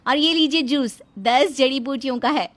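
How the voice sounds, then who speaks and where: A sly young daughter-in-law, sweet and high-voiced, who sounds innocent while she has her way , played by a woman. She is part of a family drama. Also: normal speed, slight background noise, natural voice.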